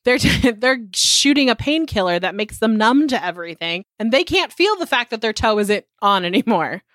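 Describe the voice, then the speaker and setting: A woman's voice: on the high side, normal speed, no room sound. A woman podcast co-host with a nasal voice, stuffed up from a cold, chatting casually and telling stories with plenty of swearing. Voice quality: nasal, congested. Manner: sweary, animated storytelling with frequent chuckles. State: getting over a cold. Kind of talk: casual chat.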